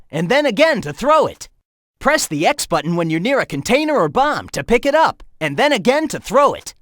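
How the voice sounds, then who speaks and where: A cocky young hedgehog hero from a video game, breezy and upbeat as he coaches the player along. His voice swings up and down with lively pitch, recorded close on a studio mic, dry with no room sound. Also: no room sound.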